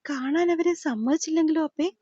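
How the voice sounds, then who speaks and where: A woman's voice: high-pitched, brisk, warm tone, dry recording, voice pushed up, natural voice. A woman voicing a grief-stricken young woman who blames herself, pleading and tearful, in an audio storybook. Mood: distraught. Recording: slightly dull lo-fi recording.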